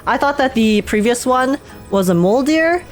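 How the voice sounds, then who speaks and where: With video game music in the background, a woman reacts live to the game she's playing, chatting casually in a gushing, slangy way. She has a high, animated voice and speaks at a moderate pace.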